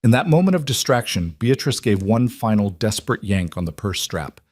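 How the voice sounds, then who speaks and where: Low-voiced man narrating a western tale. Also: very animated, normal speed, darkish tone, no room sound, studio quality. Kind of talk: scripted narration.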